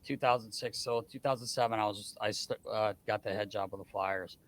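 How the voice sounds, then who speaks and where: A middle-aged hockey scout, appearing as a podcast guest, tells stories in casual chat, animatedly acting out other people's quoted dialogue and restarting often. His fairly low voice is brisk, with no room sound.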